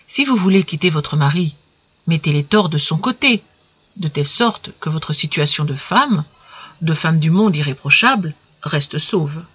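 A woman's voice: deep voice, animated, measured pace, a bit bright, husky, dull audio, heavily acted. A woman doing a cautious, reasoning male lover. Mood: pleading. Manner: earnest, reasoning.

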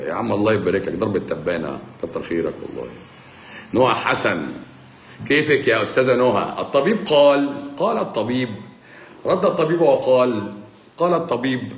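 A man with an Egyptian accent answers viewers' questions on a live stream as a doctor. He teases and jokes in a very low voice and rattles along quickly. The room around him echoes, with a faint hum behind. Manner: joking, teasing, brisk. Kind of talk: casual live-stream Q&A reading comments. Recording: roomy echo, faint background hum.

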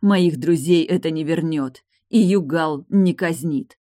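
A woman's voice: low voice, a little fast, dark tone, dry recording, close to an everyday voice. A reader voicing a grieving, furious woman guard officer, in an audiobook with a dry sound. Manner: bitter, outraged outbursts. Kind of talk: audiobook dialogue reading.

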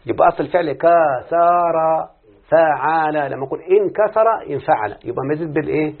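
A man with an Egyptian accent teaching a grammar lesson, quizzing students and repeating word patterns slowly. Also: on the high side, vocal fry. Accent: Egyptian Arabic. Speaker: teacher of Arabic morphology. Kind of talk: classroom lesson with student responses. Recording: tinny phone-like lo-fi recording.

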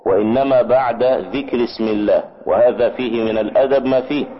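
A man with an Egyptian accent teaching an Arabic grammar lesson, explaining patiently and checking with his students through quick questions. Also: medium pitch, muffled recording.

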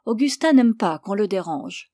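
A woman's voice: mid-range voice, animated, moderate pace, dark tone, no room sound, clean studio sound, natural voice. Woman reading a stern, commanding mother. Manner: firm, instructing. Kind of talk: audiobook character voice.

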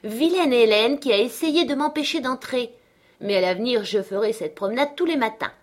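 A woman voicing an impulsive, affectionate teenage girl who asks eager, excited questions, in an audiobook. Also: a little high, normal speed, pitched above the performer's own voice, lightly acted. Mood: teasing. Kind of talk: audiobook character reading.

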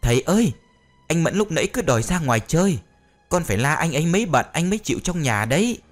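A man's voice: on the high side, very animated, fast, faint music behind, pitched above the performer's own voice. A man voicing a cheerful little boy who chatters and boasts.

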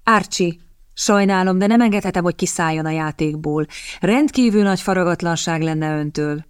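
Brief: woman reader voicing a smug aristocratic schemer, slow sardonic drawl, dry close audiobook sound. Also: mid-range voice, big pitch swings, clean tone, dry recording, close to an everyday voice. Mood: silky. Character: haughty scheming lord, smooth and smug.

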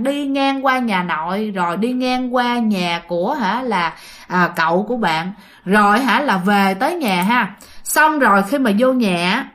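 A woman's voice: a little high, fairly bright tone. A woman with a Southern Vietnamese accent telling a ghost story in a chatty, casual way, often talking directly to her listeners. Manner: chatty, with fillers, addressing listeners.

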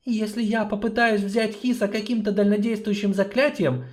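A man voicing a troubled young sorceress in a high, strained falsetto for an audiobook. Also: steady tone, normal speed, close to an everyday voice. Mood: secretive. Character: troubled young female sorceress, weary, wry.

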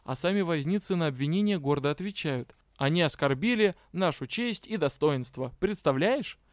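A man doing a sardonic dark-elf watch officer. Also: on the high side, lively intonation, normal speed, no room sound, studio quality, natural voice. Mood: grumbling.

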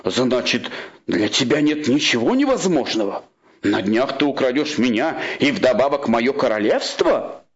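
A man's voice: medium pitch, very animated, unhurried, muffled recording. A man playing a blustering, bewildered old king.

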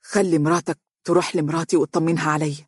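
A tender, wistful imprisoned husband with an Egyptian accent, voiced by an audiobook narrator. He speaks gently, in a dry close recording. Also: on the high side, little pitch movement, quick pace, husky, dry recording.

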